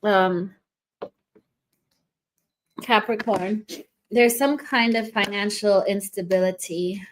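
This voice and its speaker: A woman's voice: mid-range voice, takes it slowly, slight background noise. A woman giving a casual tarot reading, thinking aloud and trailing off between cards. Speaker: tarot reader.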